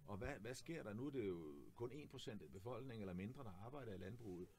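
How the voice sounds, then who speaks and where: Speaking in a lowish, darkish, animated voice, a forties-aged candidate and host discusses politics in a relaxed conversation inside a clothing shop. His manner is earnest and explanatory, with repeated sentence restarts and tag questions.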